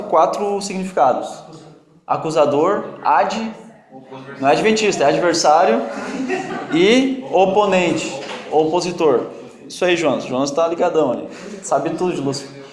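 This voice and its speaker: In an echoey room, a fairly high-pitched man with a heavy non-native Portuguese accent leads a Bible study class. He throws questions to the group, joking around and teasing his students in a lively way.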